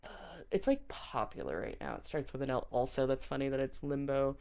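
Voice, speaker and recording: A woman chatting casually as a co-host, rambling and halting through her stories with lots of filler words. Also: rumbling low, gravelly, a little mellow. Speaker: co-host of a challenge show. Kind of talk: casual chat.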